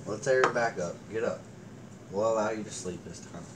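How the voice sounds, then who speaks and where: A man's voice: fairly low pitch, fairly quick. A young man chatting in an informal, slangy way in a small room, caught on a phone. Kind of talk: casual chat. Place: small dim bedroom indoors. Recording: noisy phone recording in room.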